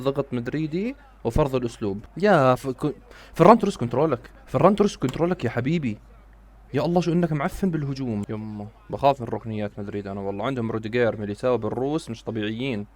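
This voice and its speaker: Young guy doing a football reaction, talks super fast, keeps yelling at the players. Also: medium pitch. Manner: excitable, swings from muttering to shouting at players. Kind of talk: live match reaction commentary.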